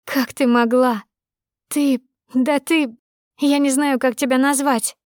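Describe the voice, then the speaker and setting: A woman reading an audiobook, voicing a betrayed young woman who shouts accusations in a high, breaking voice. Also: steady tone, takes it slowly, no echo, clean studio sound. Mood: furious. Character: furious betrayed young woman, shrill and tearful.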